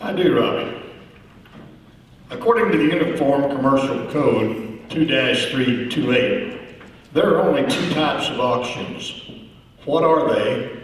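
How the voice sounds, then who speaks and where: A man's voice: mid-range voice, animated, slow, pauses often. A man formally reads out prepared questions as a contest judge. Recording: echoey hall, distant, background noise.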